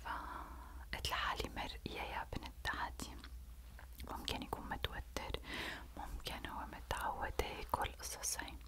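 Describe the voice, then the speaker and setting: A woman whispers throughout in an ASMR storytelling style. She has a Levantine Arabic accent and speaks as a creator confiding in her viewers. Her words are deliberately murmured and indistinct, carried on breath with little voicing.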